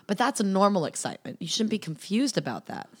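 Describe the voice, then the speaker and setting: A woman's voice: mid-range voice, big pitch swings, fast talker, a little mellow, husky. A young woman with a slight lisp, chatting as a podcast guest, bubbly, laughing often and wandering off on tangents. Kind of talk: casual chat.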